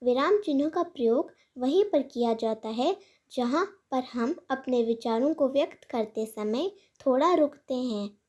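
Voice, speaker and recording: Slow, high-voiced woman teaching grammar. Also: animated, darkish tone. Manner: measured, clearly paced recitation of rules and examples. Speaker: channel host teaching Hindi grammar. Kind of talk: slow scripted grammar lesson for children.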